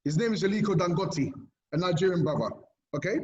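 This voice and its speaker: Male activist, high voice, emphatic and persuasive, echoey lo-fi room recording. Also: animated, fast, a little mellow, slight background noise. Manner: emphatic, keeps asking "okay?" and "right?". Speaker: community activist. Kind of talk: impassioned interview answers. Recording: roomy, dull lo-fi recording.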